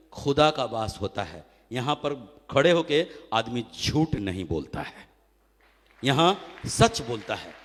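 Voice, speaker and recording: A man giving a motivational seminar talk as a trainer, firing off rhetorical questions and answering them himself. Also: on the high side. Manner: animated, acts out quoted people. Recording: long hall reverb.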